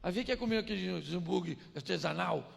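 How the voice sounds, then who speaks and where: The long echo of a big hall surrounds an older pastor giving a jokey sermon full of laughter and acted-out household exchanges. His voice is high and creaky with lively intonation, moving a little fast.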